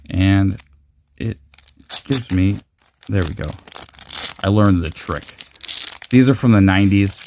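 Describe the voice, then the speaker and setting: Gravelly low-voiced guy in his 40s, rambly jokey card unboxing, cusses a lot. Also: a little hiss or hum. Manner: joking, rambling, swears freely. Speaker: card-collecting channel host. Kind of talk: casual unboxing commentary.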